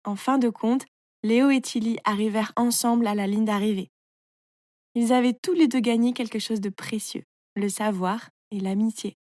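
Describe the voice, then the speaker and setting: A woman reads a children's story aloud in a clear, measured way. Her voice sits fairly high and the sound is dry and close. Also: fairly even intonation, a little mellow, no echo. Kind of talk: scripted children's story narration.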